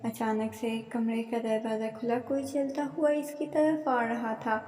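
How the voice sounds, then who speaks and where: A woman narrating a dramatic story in a steady, even reading voice. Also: fairly high pitch. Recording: echoey room with long reverb.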